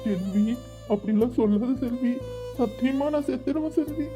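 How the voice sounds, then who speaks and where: A woman's voice: fairly high pitch, moderate pace, music in the background, lightly acted. A woman voicing a hot-headed young lover. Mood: desperate. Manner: pleading, then sharp and threatening. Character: young man, pleading and hot-tempered lover.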